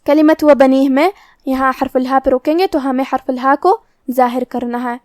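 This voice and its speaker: A woman with a high voice teaches recitation rules in a slow, methodical tutorial. She is close to the mic in a dry, deadened space, and she carefully walks through each letter's pronunciation. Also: steady tone, darkish tone, dry recording. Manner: explains pronunciation rules step by step. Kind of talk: tajweed lesson with slow recitation.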